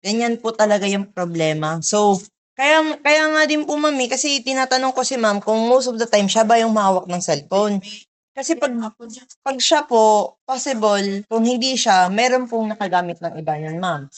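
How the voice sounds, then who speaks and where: A fairly high-voiced woman hosting a surprise gift delivery. She is courteous and deferential, tacking a respectful "ma'am" onto almost every phrase. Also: lively intonation, normal speed, pauses often, rough recording. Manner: very polite, addresses the listener as ma'am at nearly every phrase.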